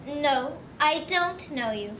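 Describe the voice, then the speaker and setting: A woman's voice: high voice, animated, slow pace, pushed and bright, a little hiss or hum, full character voice. A woman playing a frightened young spinster librarian in an amateur stage play, panicking and crying for help.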